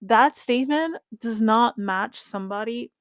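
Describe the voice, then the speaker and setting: A woman's voice: a little high, measured pace, no room sound. A woman giving casual, emphatic commentary to her viewers, repeating her points and speaking to them directly. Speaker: reality-show commentator.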